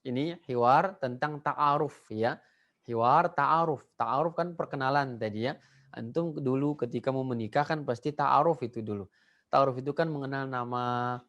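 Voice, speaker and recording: A man's voice: medium pitch, fairly bright tone, highs cut off. A male Arabic teacher giving a beginner language lesson, patiently repeating each word so learners can echo it.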